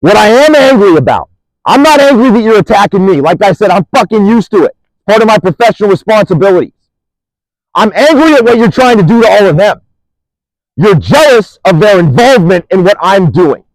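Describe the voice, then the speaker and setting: A man's voice: sits high, sing-song, a little fast, no room sound, rough recording. A man delivering an angry, profane monologue, accusing and rambling, restarting sentences as he goes.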